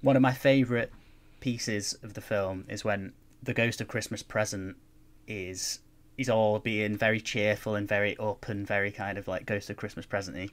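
A man's voice: on the low side, fairly even intonation, normal speed. A man chatting casually as a podcast co-host, rambling and laughing often. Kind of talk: casual chat.

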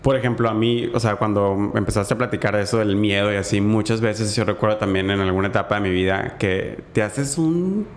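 Low-voiced man, podcast co-host. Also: fairly quick, hardly any pauses. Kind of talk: casual conversation.

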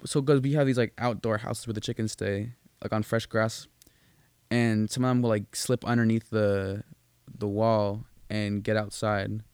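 A man's voice: fairly low pitch, flat delivery, normal speed, darkish tone, clear, resonant tone, dry recording. A young man hosting a casual podcast chat, telling stories in a rambling, profane way with lots of restarts and fillers. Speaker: podcast co-host.

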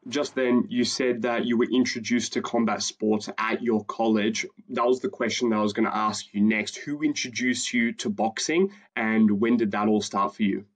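A man hosting a combat sports podcast, asking questions in a slow, measured way. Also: fairly low pitch, fairly even intonation. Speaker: podcast host. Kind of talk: casual interview.

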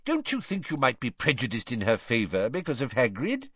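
A man's voice: huge pitch swings, a little fast, fairly bright tone, slightly rough, no room sound, exaggerated voice. A man reading an audiobook, voicing a flustered, pompous male government minister who blusters indignantly. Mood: blustering. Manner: blustering, indignant, high-pitched. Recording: dull, dry audiobook recording.

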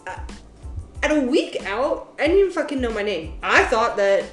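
A young woman co-hosting a casual podcast, her pitch sits a little high and swings widely as she tells a story with plenty of swearing. The room has a noticeable echo, and faint music plays in the background. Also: normal speed. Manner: profane, animated storytelling with frequent laughter. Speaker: podcast co-host. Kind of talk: casual chat.

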